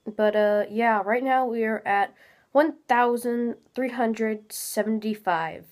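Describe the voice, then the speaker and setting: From her small room at home, a teenage girl running a gaming channel gives casual gameplay commentary into a webcam, chatty and rambling with lots of fillers. Stuffy and a little nasal, she speaks slowly in a fairly high, somewhat mellow voice.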